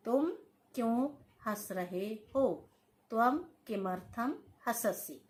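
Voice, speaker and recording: A woman's voice: a little high, slow, a little mellow. A woman teaching a Sanskrit grammar lesson, dictating sentences word by word and stretching each word. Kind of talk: slow classroom-style grammar lesson.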